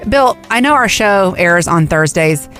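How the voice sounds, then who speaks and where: Low-voiced female radio co-host. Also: expressive, unhurried, a bit bright, faint music behind. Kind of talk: radio interview.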